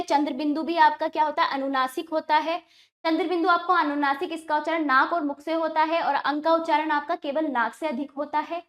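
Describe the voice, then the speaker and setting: A woman teacher, giving a slow, careful grammar lesson to children and repeating sounds for them to copy. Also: very high voice, fairly bright tone.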